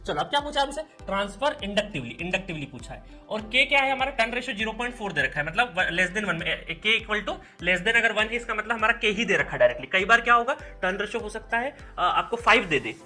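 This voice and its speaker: A man's voice: high voice, fairly bright tone. A man teaching an engineering exam question in a talkative way, mixing Hindi with English terms and checking in with frequent tag questions.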